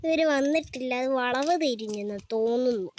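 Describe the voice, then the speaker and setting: A woman's voice: sits high, moderate pace, a little mellow, a little hiss or hum. A young woman chatting casually to viewers on a walking vlog outdoors, filmed on a handheld phone. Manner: chatty, addresses viewers as guys and urges them to subscribe. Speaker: vlogger and parent. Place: outdoors by the road near her house, windy.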